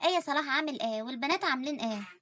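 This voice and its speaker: A woman with an Egyptian Arabic accent voicing an elderly, pushy, doting mother in an animated story, talking fast and insistently. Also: high-pitched. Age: older.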